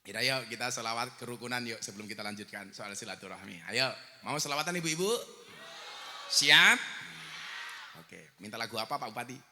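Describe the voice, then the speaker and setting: A man's voice: mid-range voice, quick pace, hardly any pauses, bright, forceful tone, in a large hall, slight background noise. A man preaching a humorous live sermon, teasing the crowd and breaking into sung prayers.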